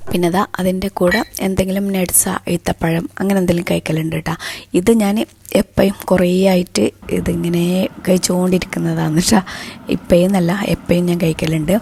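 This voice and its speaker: A woman talks through her day in a casual vlog, keeping her voice soft and hushed. Her tone is low and mellow, with a gravelly edge. She chats and rambles, explaining each step as she works, over a faint hiss. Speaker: vlogger.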